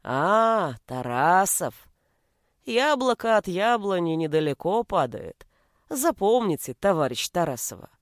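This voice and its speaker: A woman's voice: fairly low pitch, sing-song, unhurried, dry recording, clean studio sound. A woman voicing a fat, pompous male school director who sneers and threatens in an official tone. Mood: contemptuous.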